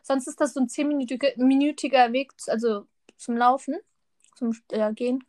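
A woman's voice: sits high, normal speed. A young woman, co-hosting a podcast in casual chat and switching between two languages as she animatedly acts out little exchanges. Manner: animated storytelling, acting out quoted exchanges. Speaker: podcast co-host. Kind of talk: casual chat, anecdotes mixing Turkish and German.

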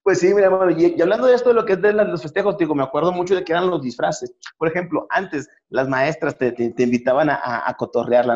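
A man's voice: on the high side, a little mellow, muffled recording. A middle-aged man with a Mexican accent, telling funny stories in casual chat as show host, with many restarts. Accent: Mexican Spanish. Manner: joking storyteller, many restarts.

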